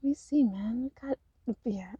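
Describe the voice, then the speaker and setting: A woman's voice: fairly high pitch, moderate pace, warm tone, slightly rough, no room sound, dull audio. A woman vlogging casual life advice from her parked car, rambling with lots of fillers and frequent laughs.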